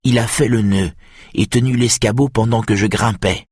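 A man's voice: on the low side, steady tone, normal speed, darkish tone, husky, no room sound, studio quality, voice pushed up. A man voicing a surly old housekeeper woman who answers in short, clipped replies. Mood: sullen.

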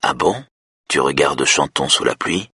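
A man with a husky voice, playing a calm, self-assured hypnotist who speaks low and soothingly. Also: a little slow, dry recording, studio quality, full character voice. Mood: gentle.

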